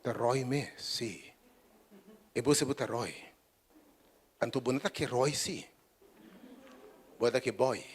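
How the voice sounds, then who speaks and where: Impassioned preacher. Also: male voice, mid-range voice, unhurried, long pauses, slightly rough. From Curaçao. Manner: swings between quiet talk and loud rising emphasis. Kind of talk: sermon. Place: church broadcast on radio.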